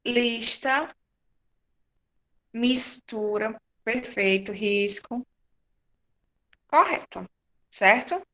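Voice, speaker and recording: Slow, patient woman teacher. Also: fairly high pitch, bright, forceful tone. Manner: slow, patient, stretching out words and confirming answers. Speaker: primary school teacher. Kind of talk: online class with children.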